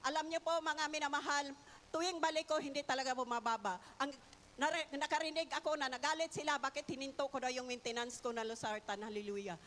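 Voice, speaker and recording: A woman's voice: high-pitched, fairly even intonation, quick pace, a bit bright, a little hiss or hum. An older woman giving a fervent church testimony, constantly calling out to the congregation and punctuating her story with hallelujahs. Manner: fervent, repeats "mga minamahal" and hallelujah. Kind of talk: testimony in a worship service. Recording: long hall reverb.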